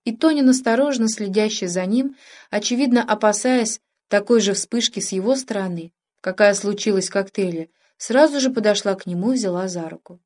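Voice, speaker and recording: A woman narrating an audiobook of literary prose in a calm, even storytelling manner. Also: mid-range voice, brisk. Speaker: audiobook reader.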